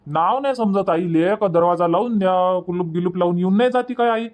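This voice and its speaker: Playing a village husband and father in a cartoon comedy, a performer barks orders and scolds like an exasperated head of the house. He uses a Varhadi Marathi accent from Vidarbha, bossy in manner, with a mid-range, fairly quick, darkish, natural voice.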